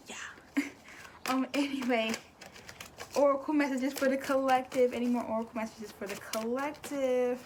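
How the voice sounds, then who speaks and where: A woman's voice: fairly high pitch, noisy background. A young woman giving a casual spiritual card reading, chatty, repeating words and swearing offhandedly. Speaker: tarot and oracle card reader.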